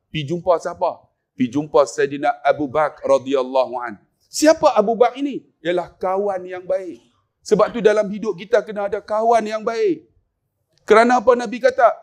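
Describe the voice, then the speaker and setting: High-pitched middle aged guy preaching, northern malaysian accent, keeps asking the crowd "right?", jokey stories. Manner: quizzes the audience with tag questions; humorous storytelling. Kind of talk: lively religious lecture.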